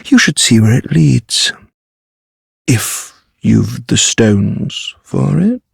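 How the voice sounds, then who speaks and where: A man with a British accent playing a cynical, fatalistic undead deserter in a dark fantasy game, his voice husky and his delivery dry, drawling and sardonic. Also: medium pitch, animated, drawn-out words, no room sound, heavily acted. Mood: wry, weary. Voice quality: gravelly, husky.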